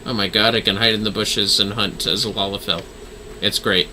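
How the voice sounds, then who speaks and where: Fairly low in pitch and steady, this man's voice is brisk, bright and forceful as he streams a game, chatting to himself with easygoing swearing. Music sits behind his voice, along with a little hiss or hum.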